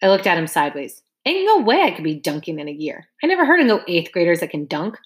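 A woman's voice: lowish voice, very animated, quick pace. A woman reading a first-person audiobook narration in a casual, wry, conversational way.

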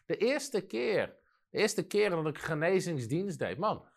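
A man's voice: fairly high pitch, unhurried, vocal fry. A man preaching a sermon in a studio, telling stories and acting out the voices of the people in them. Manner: lively storytelling, acts out quoted voices.

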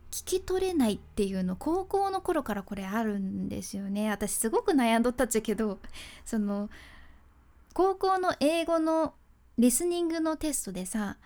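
Animated and mellow, her fairly high voice moves at a moderate pace. She's a freelance announcer and podcast host giving a chatty, laugh-filled solo talk on speaking tips, combining polite speech with her Kyushu Hakata-ben dialect.

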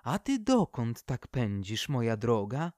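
A man voicing a chatty, practical old female birch tree in a storybook, high and exclaiming. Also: sing-song, a little slow, darkish tone, dry recording, studio quality. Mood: incredulous. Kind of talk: storybook character voice.

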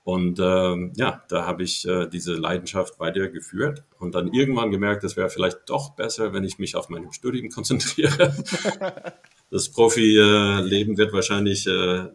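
A man's voice: sits low, measured pace. An older man from Ohio, a native English speaker with an American accent, talking hesitantly as a podcast guest with many fillers. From Ohio, USA. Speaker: podcast guest, baseball veteran. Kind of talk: casual interview talk.

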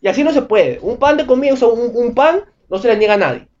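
A man reading out viewer anecdotes and riffing on them with crude, excitable slang in a comedic vlog. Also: very high voice, fast talker, highs cut off.

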